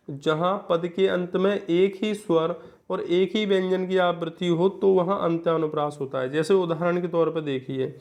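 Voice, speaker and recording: A male teacher giving a grammar lesson, repeating each definition and reading verse examples slowly. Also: fairly high pitch. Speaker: Hindi literature teacher. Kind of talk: classroom-style grammar lesson.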